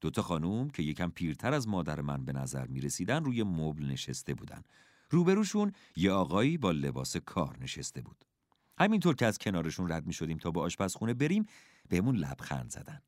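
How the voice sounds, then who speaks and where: Low-voiced man narrating a story. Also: huge pitch swings, a little mellow, no echo, clean studio sound. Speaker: audiobook narrator. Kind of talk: first-person storybook narration.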